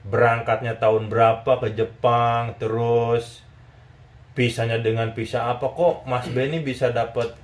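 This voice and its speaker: A man's voice: mid-range voice, level tone, measured pace. A man hosting a casual chat interview, talking in a teasing, chatty way and often seeking agreement. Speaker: YouTube channel host.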